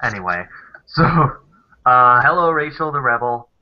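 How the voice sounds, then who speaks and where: A man's voice: medium pitch, animated, moderate pace. A man from the American South co-hosting a live stream, chatting casually and explaining things at length with many fillers. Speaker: co-host of a live stream show. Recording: dull lo-fi sound.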